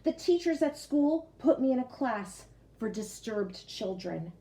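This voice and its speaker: A teacher reads a picture book aloud to young children, explaining things simply, often asking "okay?" to check they follow, and recapping. Her voice is on the high side, expressive and warm, with a measured pace, though the audio is poor.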